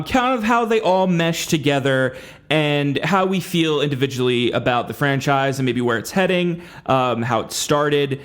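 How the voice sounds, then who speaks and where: A man hosting a podcast in casual chat, joking and teasing his guest and rambling with frequent restarts. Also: a little high. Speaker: podcast host.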